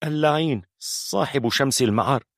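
A man's voice: mid-range voice, fairly quick, a bit bright, dry recording, clean studio sound, lightly acted. A man voicing a nervous male storyteller of hidden lore who stammers heavily on his first sounds. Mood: nervous, secretive. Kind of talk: audiobook character voice.

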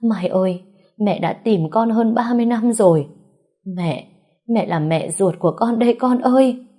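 A woman's voice: fairly low pitch, normal speed, warm tone, breathy edge. A woman voicing an older mother who speaks in a choked, sobbing way, in a storybook reading. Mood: weeping. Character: older birth mother, weeping and remorseful.

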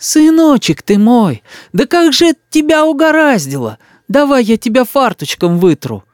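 A kindly old country woman, as a man puts her on, fussing in a lilting, folksy way. Her pitch is raised and moves a lot. The recording is dry and close. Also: very animated, moderate pace, dry recording. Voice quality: soothing, sing-song folksy speech.

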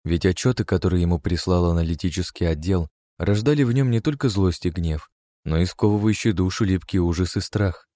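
A man narrating an audiobook with a steady, expressive reading, close to the mic. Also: sits low, a little fast.

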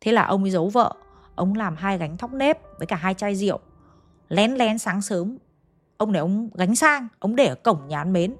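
This is a mid-range, expressive female voice at an ordinary pace, backed by soft music. The speaker, a young Hanoi woman, narrates a ghost story chattily and speaks right to her audience.

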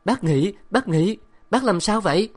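A man's voice: sits high, expressive, measured pace, voice pushed up. A man voicing a frightened young woman, a timid houseguest who cries out in panic. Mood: alarmed.

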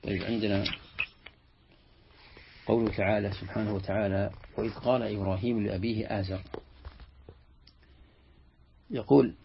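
Sheikh teaching tafsir, low gravelly husky voice, halting delivery with restarts, muffled lo-fi recording. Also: male voice, fairly even intonation, slight background noise. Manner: halting, repeats and restarts words while explaining. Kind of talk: classical Arabic tafsir lesson commentary.

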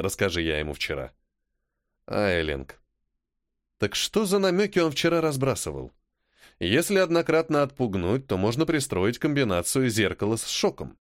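A man reading a first-person audiobook with wry, sardonic humor. His delivery is highly animated, rising and falling a lot, at a middle pitch. The recording is close and completely dry. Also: no echo. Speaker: audiobook narrator.

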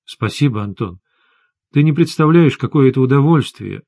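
A tired, stern sorceress speaks in low, measured tones, voiced by a man reading an audiobook. The voice sits at a middling pitch. The recording is dry and close. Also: animated, gravelly, dark tone, no echo. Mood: grave. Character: weary, stern female sorceress.

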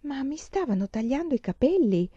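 A woman's voice: medium pitch, animated, normal speed, mellow, dry recording, lo-fi sound, lightly acted. A woman reading the part of a cheerful, joking pioneer father in an audiobook, in her own voice. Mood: insistent.

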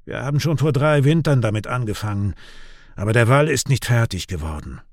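Man doing a furious, shouting clansman. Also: medium pitch, expressive, fairly quick, no room sound, clean studio sound, close to an everyday voice. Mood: determined. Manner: shouting, harsh and scornful. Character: angry, hot-tempered man, clan homeowner. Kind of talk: audiobook character voice.

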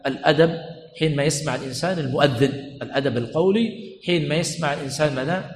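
Quick, echoey man teaching a mosque class. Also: fairly high pitch. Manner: keeps asking "what?" and has listeners finish the word, repeats key phrases. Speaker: religious teacher. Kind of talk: Islamic study lesson. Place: mosque learning center hall. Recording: echoey hall, faint room noise.

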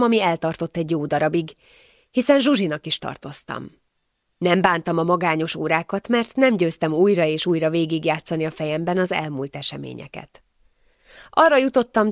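A woman narrating a first-person audiobook in a calm, measured way. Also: low-pitched, vocal fry, no echo, studio quality.

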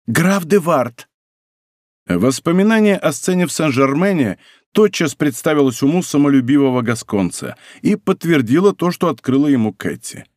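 A man's voice: on the high side, expressive, fairly quick, darkish tone, dry recording, studio quality. A man reading a novel aloud as an audiobook narrator, telling the story expressively. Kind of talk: scripted narration.

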